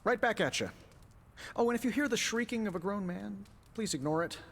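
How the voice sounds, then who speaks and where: An actor playing a wisecracking, nervously friendly superhero inventor in a game, with a glib, rambling, self-deprecating manner. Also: male voice, high voice, lively intonation, fairly quick, a little hiss or hum. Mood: wry, friendly. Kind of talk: casual game dialogue.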